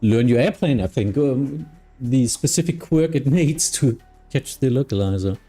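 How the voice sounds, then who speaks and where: A man streaming as an air traffic controller, mixing procedural clearances with casual chat. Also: mid-range voice, lively intonation, moderate pace, mellow, faint music behind.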